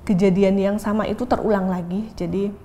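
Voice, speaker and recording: A woman's voice: mid-range voice, fairly even intonation, a little fast, mellow. Candid woman sharing her story. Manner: open, reflective, switches into English phrases. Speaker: pastor and interview guest. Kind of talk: candid interview testimony.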